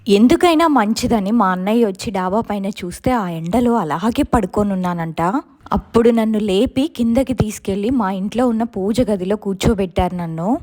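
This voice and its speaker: A woman narrating a viewer's real ghost experience in the first person as a storytelling channel host, slowing for the scary parts. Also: medium pitch, a little mellow.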